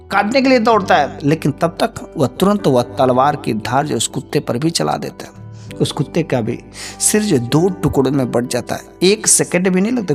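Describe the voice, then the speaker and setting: A man narrating a devotional moral story in a plain, unhurried way, with frequent filler phrases. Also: fairly high pitch, gravelly.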